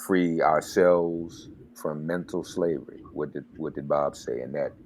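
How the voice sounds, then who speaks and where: A man's voice: very deep voice, fairly even intonation, a little slow, slight background noise. A man hosting a radio talk show, speaking with passion and getting worked up like a preacher. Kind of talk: interview and commentary.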